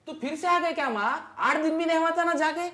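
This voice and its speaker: A man playing a henpecked son who keeps trying to calm his family, with a Hyderabadi accent. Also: extremely high pitch, a little fast, soft background music. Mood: exasperated. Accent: Hyderabadi Urdu. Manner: pleading, placating. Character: henpecked son caught between wife and family.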